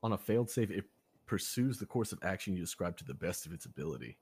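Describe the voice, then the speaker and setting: A man's voice: sits low, animated, fast, darkish tone, husky. A laid-back man playing a tabletop game who laughs often. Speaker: player. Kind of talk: casual tabletop chat.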